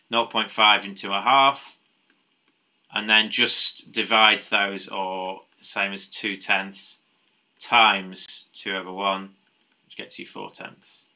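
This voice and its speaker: Male maths tutor, lowish voice with a very bright edge, talks through problems aloud with ums and restarts. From United Kingdom. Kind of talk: explaining a maths paper step by step.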